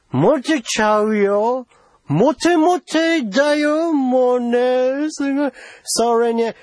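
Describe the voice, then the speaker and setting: Man playing an older foreign envoy, pushy, teasing, high lively voice, slow drawl, dry sound. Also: dry recording, exaggerated voice. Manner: teasing, wheedling, mixes English phrases into broken Japanese. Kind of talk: solo comedy sketch.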